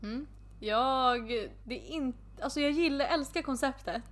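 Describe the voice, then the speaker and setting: A young woman co-hosting a casual podcast chat, telling a funny dating story with lots of laughter and quoting messages in English. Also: high-pitched. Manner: giggly storyteller, acts out chats in English. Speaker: podcast co-host.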